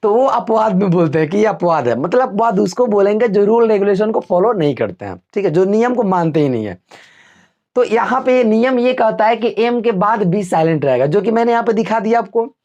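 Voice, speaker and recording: A man teaching a video class in a loose, conversational way. He turns to the students with quick questions and supplies the answers himself. His tone is homely and relaxed, with everyday comparisons. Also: high voice, highs cut off. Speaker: English teacher. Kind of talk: classroom-style video lesson.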